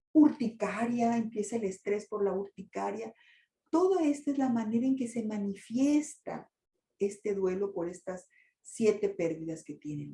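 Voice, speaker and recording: A woman's voice: mid-range voice, mellow, reverberant. An older woman giving a talk to an audience, asking rhetorical questions as she goes. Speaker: lecturer on migration and grief. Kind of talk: presentation to an audience with slides.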